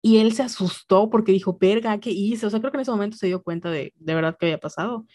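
A woman's voice: medium pitch, quick pace, warm tone, dry recording. A young woman with a Mexican accent, telling a personal story in casual podcast chat, full of slang and quoted dialogue. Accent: Mexican Spanish.

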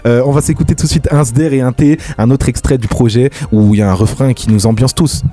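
A young man hosting a radio show, chatting casually about rap in quick, slangy speech with lots of restarts. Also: medium pitch, steady tone, dark tone, soft background music. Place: radio studio.

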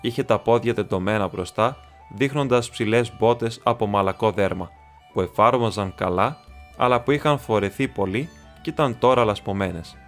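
A man narrating a novel as an audiobook reader, in a steady, even reading. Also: lowish voice, soft background music.

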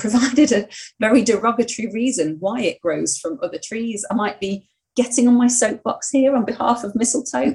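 A woman's voice: mid-range voice, vocal fry, poor audio. A woman co-hosting a casual podcast chat, earnest and opinionated, at times getting mildly indignant. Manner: earnest, warmly opinionated, talks herself into mild indignation. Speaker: podcast co-host.

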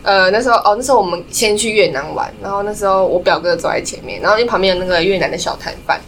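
A woman's voice: medium pitch, very fast, a little hiss or hum. A young woman from Taiwan in casual chat, asking questions and telling her own anecdotes. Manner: chatty, asks questions and tells anecdotes.

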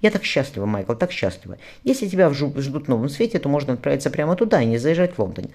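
A man's voice: medium pitch, sing-song, fast talker, a little mellow, voice pushed up. Man voicing a firm, earnest widowed mother. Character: determined caring widowed mother.

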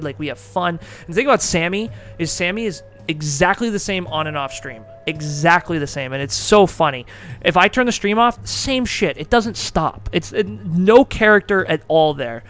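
A man's voice: fairly high pitch, a bit bright. A young man hosting a podcast in casual chat, rambling, laughing often and swearing casually. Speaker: podcast host.

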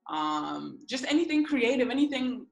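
A woman's voice: fairly high pitch, moderate pace, gravelly. A young woman from Ghana, a music publicist, chatting casually in an interview with lots of fillers. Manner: relaxed, many fillers. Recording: echoey room with faint music.

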